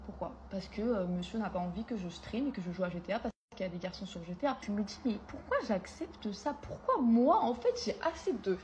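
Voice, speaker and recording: A woman's voice: mid-range voice, expressive, a little fast, few pauses, a little mellow, a little hiss or hum. A young woman telling her viewers an emotional story, hurt and angry as she talks. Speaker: content creator.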